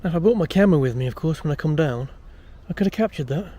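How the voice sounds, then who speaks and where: A man's voice: fairly high pitch, lively intonation, fast talker, mellow. A British man acting as a boastful, uneasy amateur ghost hunter, rambling self-importantly to camera in a found-footage horror film. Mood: reminiscing, aggrieved. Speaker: paranormal investigator presenting a documentary.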